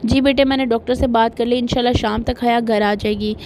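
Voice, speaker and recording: A kindly old grandfather who speaks calmly and affectionately, firm when he needs to be, read by a woman in her own voice. The voice sits fairly high. It is an audiobook romance. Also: slight background noise, close to an everyday voice. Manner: affectionate, calm, authoritative.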